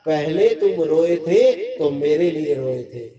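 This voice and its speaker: A man's voice: a little high, lively intonation, slow. Man playing a fretful mother, raised voice, muffled recording, crowd behind. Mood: gently scolding. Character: worried, then scolding mother. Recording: dull lo-fi sound with a crowd behind.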